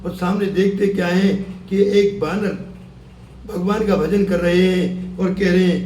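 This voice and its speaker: A man telling a devotional tale from an ashram, with slow sung chants between narration. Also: high-pitched, fairly even intonation, a little mellow. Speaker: devotional storyteller. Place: ashram hut. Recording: echoey room, mic far off, faint hum.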